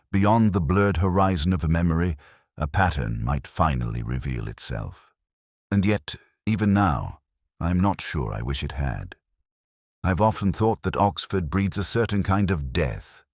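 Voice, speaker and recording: Actor as very deep-voiced Inspector Morse, weary and reflective. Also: male voice, darkish tone, no echo, clean studio sound, exaggerated voice. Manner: measured, literary, melancholy, wry. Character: weary, reflective male police inspector narrating his case. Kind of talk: scripted first-person detective narration, audio drama.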